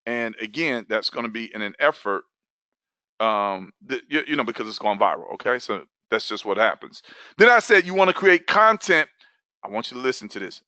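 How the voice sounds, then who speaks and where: A man's voice: on the low side, brisk, bright, forceful tone, no echo. A man coaching an online class on video content, talking loosely and repeating key phrases for emphasis. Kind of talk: live online training session.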